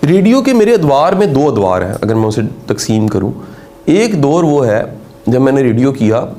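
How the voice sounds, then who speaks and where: A man's voice: a little high, darkish tone. A middle-aged man, giving a motivational talk emphatic delivery and rhetorical questions to his listeners. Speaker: motivational speaker.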